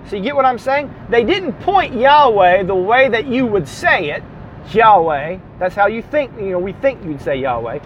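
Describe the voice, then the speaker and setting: A Bible teacher with a Southern US accent delivers a classroom lecture, explaining things step by step, spelling out letters, and correcting himself along the way. His voice is extremely high-pitched, the highs are cut off, and there's a little hiss or hum.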